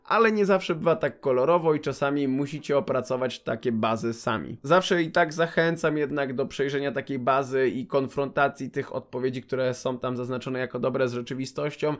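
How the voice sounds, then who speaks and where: A man's voice: mid-range voice, moderate pace, hardly any pauses. A man in his twenties giving scripted, direct and wry advice to future university students in a vlog. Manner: direct, wry, addresses viewers as a group. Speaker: YouTuber giving study advice.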